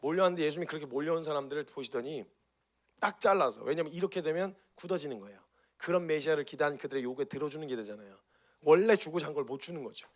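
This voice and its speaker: A man preaching a sermon, telling a Bible story in a lively way and acting out the voices of its people. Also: on the high side, fast. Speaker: pastor.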